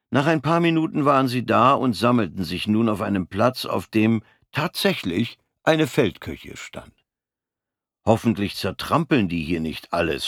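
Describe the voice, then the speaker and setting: A man reading an audiobook in a measured, even storytelling manner. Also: lowish voice, vocal fry, breathy edge, no echo, studio quality. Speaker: narrator. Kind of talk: scripted audiobook narration.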